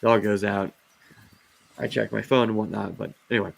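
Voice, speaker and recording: A creaky, lowish male voice moves at normal speed with fairly even intonation. As host of a reptile live show he chats casually, wandering off into rants, with frequent fillers and restarts as his voice starts to fail.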